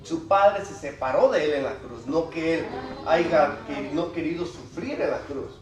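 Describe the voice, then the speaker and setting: A man with a fairly high-pitched, unhurried voice preaches a sermon, explaining scripture conversationally and reading Bible passages aloud to the congregation with rising emphasis. He's recorded from far off in an echoey hall with congregation noise.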